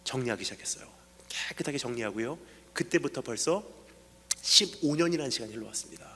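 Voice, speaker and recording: A middle-aged man preaching a revival sermon as a missionary, telling a personal story and swinging from hushed tones to sudden shouts. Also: mid-range voice, animated, fast, breathy edge, big-room sound. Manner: acts out quoted voices, swings from hushed to shouting. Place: church sanctuary.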